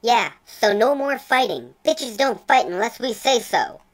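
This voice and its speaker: Girl playing a bossy potty-mouthed chick, higher voice, lots of swing. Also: lively intonation, a little slow, rough recording. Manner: bossy, crude and impatient. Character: bossy, foul-mouthed young woman. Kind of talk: fan parody voice acting.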